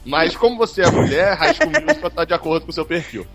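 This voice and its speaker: A man's voice: high-pitched, sing-song, quick pace, a bit bright, faint music behind. A man co-hosting a podcast in casual, teasing banter, repeating phrases for emphasis. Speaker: podcast co-host.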